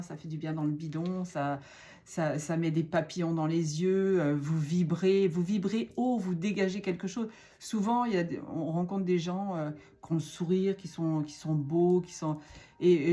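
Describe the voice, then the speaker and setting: A woman's voice: on the low side, mellow. A woman giving a spiritual card reading, chatty and encouraging, with many fillers and restarts. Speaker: card reader.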